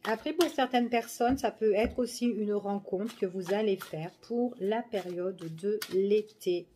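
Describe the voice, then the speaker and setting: A woman's voice: mid-range voice, unhurried, warm tone, a little hiss or hum. A woman giving a casual general tarot reading, chatty and full of fillers, often checking in with the listener. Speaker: tarot card reader.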